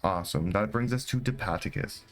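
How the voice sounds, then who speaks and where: A man running a tabletop game as game master, animated and quick to slip into character voices. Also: on the low side.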